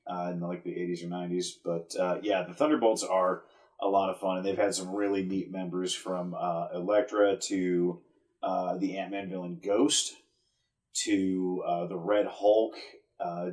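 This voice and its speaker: A man's voice: low-pitched, level tone, normal speed, darkish tone. A man co-hosting a podcast in casual chat, explaining at length with frequent "uh" fillers. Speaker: podcast co-host.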